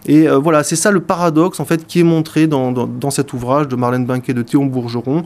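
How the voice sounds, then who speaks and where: A man's voice: mid-range voice, steady tone, a little fast, a little mellow. A man giving a radio book review in speech, hesitant, full of fillers and repeated words. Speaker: radio columnist.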